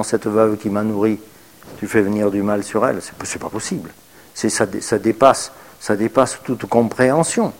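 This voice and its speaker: A fairly low-pitched man preaches a sermon in French, reading scripture aloud and commenting on it. He hesitates at times and moves between raised, emphatic bursts and quiet, murmured asides.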